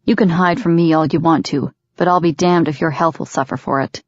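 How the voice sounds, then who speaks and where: A woman reading the part of a rough-voiced, dominant grown man in an audiobook, with clipped, commanding delivery. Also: fairly even intonation, a little fast, darkish tone, no room sound, lo-fi sound. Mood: stern. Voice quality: rough, low-pitched. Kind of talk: audiobook character voice.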